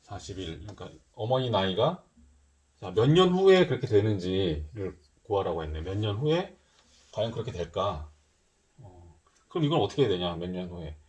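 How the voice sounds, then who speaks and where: Middle-aged guy tutoring math, low voice but really animated, chatty thinking out loud. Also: moderate pace. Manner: thinks aloud, mixes formal and casual speech. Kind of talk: casual math lesson.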